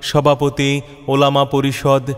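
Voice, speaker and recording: A man with a Bangladeshi accent reading a scripted loudspeaker announcement in a declamatory, chanting cadence with drawn-out phrases. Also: medium pitch, monotone, clear, resonant tone. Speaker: event announcer. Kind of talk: scripted loudspeaker advertisement for a religious gathering. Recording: long echoing reverb, faint music behind.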